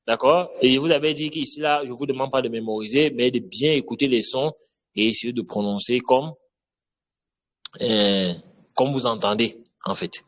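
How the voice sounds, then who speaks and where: A man's voice: mid-range voice, normal speed, fairly bright tone. A man teaching an online Arabic lesson, patiently repeating letter sounds and checking that students follow.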